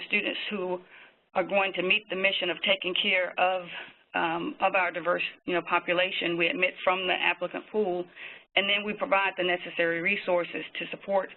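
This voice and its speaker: High-voiced man speaking over a phone line. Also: gravelly. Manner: measured, with frequent fillers. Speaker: physician panelist. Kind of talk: prepared webinar remarks. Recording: tinny phone-line audio.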